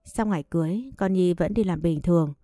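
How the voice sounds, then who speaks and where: A woman's voice: lowish voice, brisk, warm tone, no room sound, clean studio sound, faint music behind. A woman narrating a first-person story and reading every character's lines in one voice. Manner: reads all characters in one voice.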